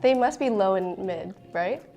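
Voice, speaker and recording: A woman's voice: mid-range voice, animated, measured pace, mellow, dull audio, soft background music. A woman who is a guest in a casual mukbang chat, talking in an easygoing, chatty way.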